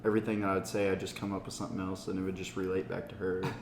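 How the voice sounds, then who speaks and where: Young man, low voice, rambling joker, echoey room, faint hiss. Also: flat delivery, very fast. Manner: rambling, joking, hesitant. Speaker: podcast co-host. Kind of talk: casual chat.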